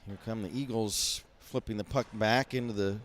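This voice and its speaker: A man calling a high school hockey game play by play, folksy and rambling with lots of fillers, from behind glass up in a rink mezzanine. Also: fairly even intonation, moderate pace, a little hiss or hum. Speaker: play-by-play announcer. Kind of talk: amateur hockey play-by-play commentary.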